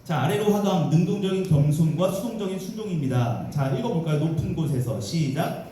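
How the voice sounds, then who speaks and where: A male pastor giving a lively sermon lecture to church officers, acting out prayers and voices as he preaches. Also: on the high side, brisk, a crowd in the background. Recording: roomy, distant church sound.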